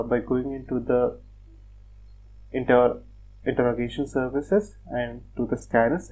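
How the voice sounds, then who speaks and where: A man presenting a screen-recorded software tutorial, talking step by step in a plain, methodical way with frequent fillers like "uh" and "like". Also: medium pitch, breathy edge, low-quality recording. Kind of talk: screen-recorded technical walkthrough.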